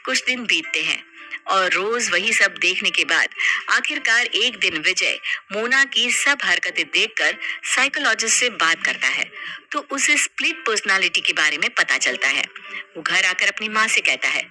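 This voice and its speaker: A woman narrating a family story in a calm, even storytelling manner. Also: medium pitch, normal speed, soft background music, rough recording. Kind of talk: scripted narration.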